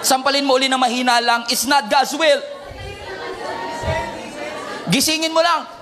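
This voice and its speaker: A man, a pastor preaching a sermon in a mix of Tagalog and English, swinging from shouted points to low joking asides. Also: unhurried, a crowd in the background, background noise.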